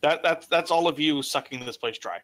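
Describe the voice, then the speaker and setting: A man narrating an improvised tabletop game as game master, informal and halting, sometimes swearing. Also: on the high side, a bit bright, a little hiss or hum.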